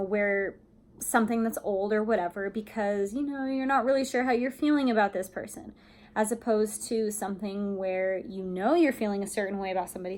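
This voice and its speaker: A woman casually explaining acting, talking in a chatty way with many fillers. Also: mid-range voice. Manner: chatty, many fillers, acts out excited phone calls.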